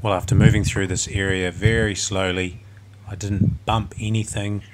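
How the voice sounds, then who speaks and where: A man's voice: low-pitched, level tone, normal speed. A man with a broad New Zealand accent talking casually and in a laid-back way to camera as a hunting vlogger outdoors. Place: outdoors in bush and hilltops. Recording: noisy outdoor ambience.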